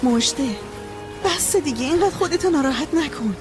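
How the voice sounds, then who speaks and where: Gentle friend calming someone down, high voice, music playing under it. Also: female voice. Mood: soothing. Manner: soothing, consoling. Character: caring friend of a young woman. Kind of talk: dubbed TV drama.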